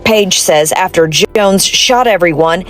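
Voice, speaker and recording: A woman TV news reporter reading a voice-over in a crisp, even manner. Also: on the low side, a little slow.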